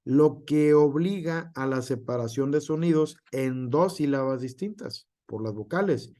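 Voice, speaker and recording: Male teacher, online lesson; slow and deliberate, spells out example words, heavy fillers and tag questions. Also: mid-range voice, warm tone. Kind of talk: online class lecture.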